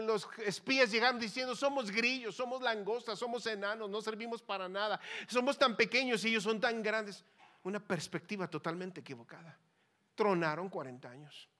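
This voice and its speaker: Animated Mexican preacher, lively bright voice. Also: male voice, sits high. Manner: animated, swings from soft to loud, acts out voices. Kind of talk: lively sermon.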